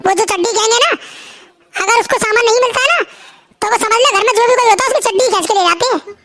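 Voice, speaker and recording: A woman doing a bright, fast know-it-all cartoon boy. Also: very high voice. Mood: lecturing.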